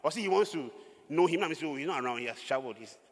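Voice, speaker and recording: A man preaching a sermon as pastor, animated, with sudden loud outbursts. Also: on the high side, racing, long reverb tail.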